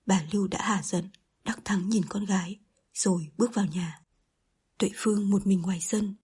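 A woman narrating a novel in a calm, soft audiobook reading. Her voice is very breathy, almost whispered, and mellow in tone. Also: mid-range voice, normal speed. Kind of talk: scripted narration.

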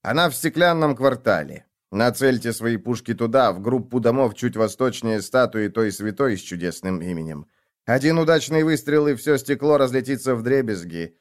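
A man voicing a cold, disappointed older father who speaks calmly and cruelly. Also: medium pitch, close to an everyday voice. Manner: calm, cold, measured.

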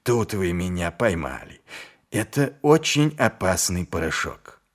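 A man voicing a gruff, sly middle-aged male watch commander who speaks with dry, mock-innocent menace. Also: low-pitched, sing-song, unhurried.

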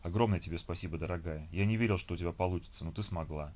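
Soft serene young man, read by a man. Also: deep voice, rapid-fire. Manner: soft, gentle, quiet. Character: young man, calm and serene, saying farewell.

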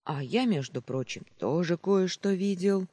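A man's voice: fairly high pitch, expressive, a little slow, mellow, husky. A man voicing a cheeky, hot-headed young boy who talks back defiantly, in an audiobook reading.

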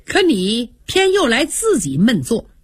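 A woman's voice: on the high side, huge pitch swings, unhurried, breathy edge, no echo, clean studio sound, heavily acted. A woman voicing an anxious young nobleman who coaxes and pleads earnestly, in a radio storytelling. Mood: coaxing. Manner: coaxing, earnest.

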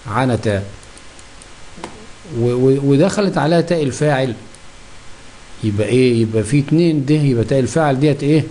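A man's voice: medium pitch, mellow, slight background noise. A man with an Egyptian accent teaching a grammar lesson, asking questions and answering them himself. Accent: Egyptian Arabic.

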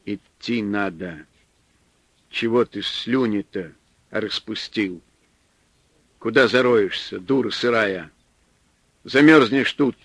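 A man reading an audiobook, voicing a rough, stubborn male guide who talks in a gruff, coarse, commanding way. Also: medium pitch, no room sound. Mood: menacing growl.

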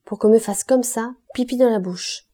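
Crude murmuring joker guy, husky, read by a woman. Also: fairly high pitch, normal speed, warm tone, natural voice. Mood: mischievous. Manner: smutty, murmuring jokes. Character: crude joking man, a prankster.

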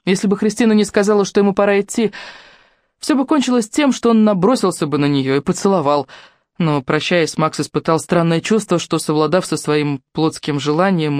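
A narrator reading a novel aloud in a steady, measured way into a close microphone. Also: mid-range voice, no room sound. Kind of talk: audiobook narration.

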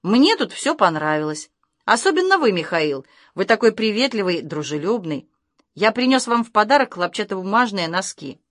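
A gushing, sentimental eccentric artist who pleads and enthuses, as a woman reads him aloud. The delivery swings widely in pitch, and the sound is close and dry. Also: sing-song, moderate pace, a bit bright, dry recording.

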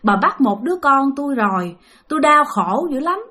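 Woman doing a tearful begging old grandma, raised high voice. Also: big pitch swings, moderate pace, bright, forceful tone, full character voice. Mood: pleading. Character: desperate pleading old grandmother.

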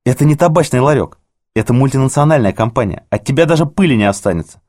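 A cornered, scheming male manager in an audiobook, his voice pushed up high and strained, as the narrator puts him on. He talks fast, wheedling and close to hysteria. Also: lively intonation, a little mellow, no echo, lightly acted. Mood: threatening. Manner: wheedling, then shrill and threatening. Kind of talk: audiobook character voice.

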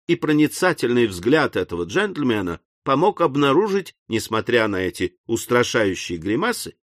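A man narrating an audiobook in an expressive, dramatic style. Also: fairly high pitch, no room sound, studio quality. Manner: lively, dramatic reading.

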